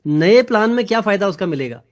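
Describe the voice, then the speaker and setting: A man's voice: high voice, expressive, quick pace. A man interviewing, asking follow-up questions and briefly agreeing.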